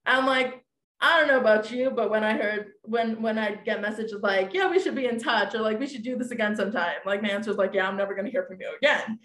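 With a quick pace and a reverberant, mid-range voice, a late-twenties woman recounts a dating story while chatting casually as a podcast guest. Animated, she voices the quoted lines herself, and her speech is packed with fillers.

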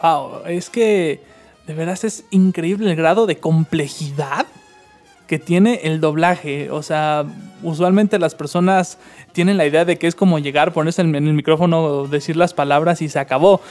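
A man, interviewing a guest in a relaxed, admiring way. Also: on the high side, moderate pace, faint music behind. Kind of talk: casual interview chat.

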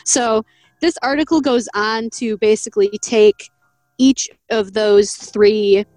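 A podcast co-host, a woman, reads a folk legend from an article in a casual show, her slightly high voice steady, slow and a little mellow. She laughs a lot and trips over names. The dry, close recording is low-quality, with faint music beneath.

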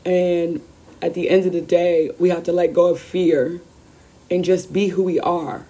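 A woman hosting a spiritual card reading, with a voice worn rough from a weekend of celebrating, speaking in an emphatic, affirming way and repeating her phrases. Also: lowish voice, fairly even intonation, a little slow, warm tone. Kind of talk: upbeat spiritual talk, weekly card reading.

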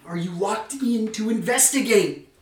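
A man's voice: sits high, a little slow. A man hosting a podcast, mixing semi-scripted narration with casual, playful banter and a theatrical turn of phrase. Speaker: podcast host. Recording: roomy echo, distant microphone.

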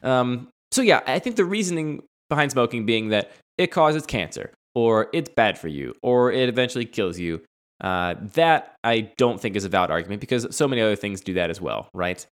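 A man's voice: mid-range voice, animated, a little fast. A man co-hosting a casual conversation, working through his argument and laughing often. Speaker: podcast co-host.

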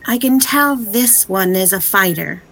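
An actress playing a gentle, concerned hospital visitor in an audio drama, sympathetic and hesitant. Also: female voice, mid-range voice, lively intonation, unhurried, vocal fry, full character voice, poor audio.

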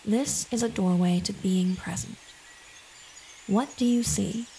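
A woman host narrating a scripted guided meditation in a calm, gentle, soothing and unhurried manner. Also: mid-range voice, slight background noise, low-quality recording. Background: background music.

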